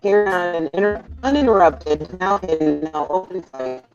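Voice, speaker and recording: A lower-voiced woman reads aloud in measured phrases as her stream stutters and cuts in and out. The call audio is dull and lo-fi, with faint guitar music underneath. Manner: steady, measured reading with pauses between listed items. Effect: stuttering, breaking-up internet connection. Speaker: book club reader. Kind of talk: reading a text aloud to an online audience. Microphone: remote call over a weak mobile hotspot.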